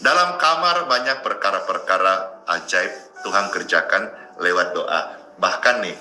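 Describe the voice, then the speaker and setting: A man's voice: on the low side, pushed and bright, reverberant, rough recording. A male pastor preaching a sermon to viewers in a chatty, joking way.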